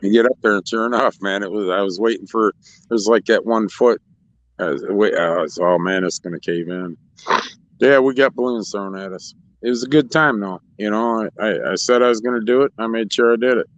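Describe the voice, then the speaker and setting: A man's voice: on the low side, a little fast. Laughing man with a dull lo-fi sound. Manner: laughs often, rambling with restarts. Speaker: racetrack co-host. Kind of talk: casual chat.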